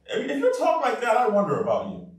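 A male pastor preaching a sermon in an animated way, calling out to the congregation for responses. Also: very high-pitched, fast talker. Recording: very echoey room, mic far off.

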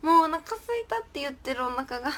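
A woman's voice: sits high, fast talker. Chatty young woman, giggly livestream talk. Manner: chatty, giggly, reads and answers viewer comments. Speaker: idol livestreamer. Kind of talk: casual livestream chat.

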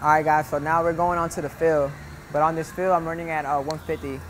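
A man's voice: fairly high pitch, level tone, brisk, a little hiss or hum. Laid-back young man explaining welding. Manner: laid-back, rambling, many fillers like "you know" and "like". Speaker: welding instructor. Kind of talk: casual instructional voice-over.

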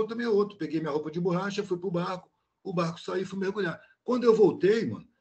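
An older man talking on a video call, telling a blunt, slangy story in casual chat. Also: high voice. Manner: blunt and slangy, peppered with "mano". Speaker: meeting participant.

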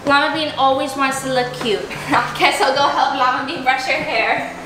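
A woman vlogger acting out a playful pretend-play story with her toy llamas, animated and full of gasps and exclamations. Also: sits high, moderate pace, noisy background. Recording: echoey room with music behind.

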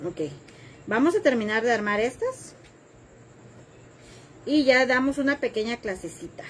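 A woman hosts a live craft tutorial, chatting with viewers, reading their comments as she works, and joking at her own expense while she cuts. Her voice is on the high side and a bit bright, with lively intonation and an unhurried pace. There is slight background noise.

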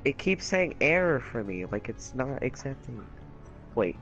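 A man chatting with friends during a game, complaining and joking in an animated way. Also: mid-range voice, a little slow, highs cut off, faint music behind. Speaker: friend in a party chat. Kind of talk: casual gaming chat.

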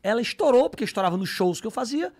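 Gravelly man. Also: very high voice, fast. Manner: animated, slangy, bursts into singing parodies. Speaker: podcast guest, comedian. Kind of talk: casual storytelling chat.

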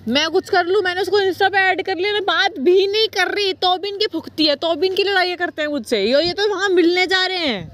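A woman's voice: very high-pitched, fairly quick, few pauses, fairly bright tone, slight background noise. A woman in a heated casual argument with her boyfriend, tearful, hurt and insisting again and again. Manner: insistent, hurt and repeating herself. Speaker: girlfriend being pranked.

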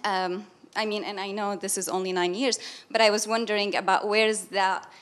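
A woman's voice: mid-range voice, flat delivery, moderate pace, a bit bright. A young woman from Syria, a graduate student, asking a long, hesitant question from the audience at a panel talk, with many fillers. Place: lecture hall audience.

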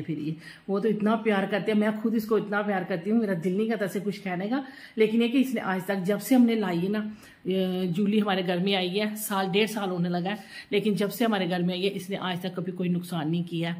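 This middle-aged vlogger has a mid-range voice with a darkish tone. She talks casually while handling kitchen chores at home, wandering between subjects and at times moving away from the phone.

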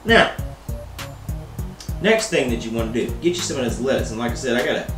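A man's voice: mid-range voice, expressive, fairly quick, fairly bright tone, recorded from a distance, soft background music. A young man hosting a casual cooking vlog in his home kitchen, rambling and joking as he talks to the viewer. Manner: joking, rambling, calls viewer baby and sir. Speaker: cooking show host. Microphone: camera mic at a distance. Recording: roomy kitchen sound from off-mic.

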